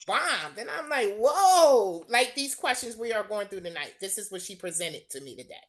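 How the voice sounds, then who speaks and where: Bright-voiced woman student thinking aloud. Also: medium pitch, expressive, brisk. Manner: eager, self-deprecating, thinks aloud. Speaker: student studying for an exam. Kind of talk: answering practice questions in a study group.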